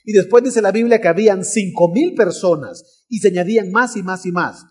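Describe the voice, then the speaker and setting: A man preaching a sermon as pastor, animated and telling a story with acted-out voices. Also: high-pitched, a little fast, slightly rough. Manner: animated, acts out voices in anecdotes, shouts at times.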